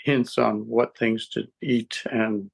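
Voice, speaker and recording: Older man in his 70s, gravelly, halting interview talk, many restarts. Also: on the low side, fairly even intonation, poor audio. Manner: rambling, halting, with frequent restarts and chuckles. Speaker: interviewee giving a testimonial. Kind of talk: casual interview answers.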